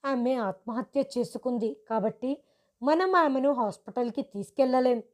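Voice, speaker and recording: Calm and unbending, this storybook father speaks in a flat, measured voice, as a woman narrator reads him in her own high tone. He sounds firm and cold. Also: lightly acted. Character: stern middle-aged father, cold and firm.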